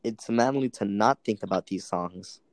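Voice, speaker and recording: A man's voice: on the low side, normal speed, dry recording. A young man in casual chat, playful and teasing, talking in slang.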